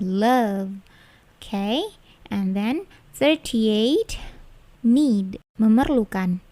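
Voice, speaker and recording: A woman with a fairly high voice leads a children's English vocabulary lesson. She speaks very slowly, repeating every word and drilling its pronunciation with patient care. The recording is dry and close, with no room sound. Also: mellow, dry recording. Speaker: English teacher.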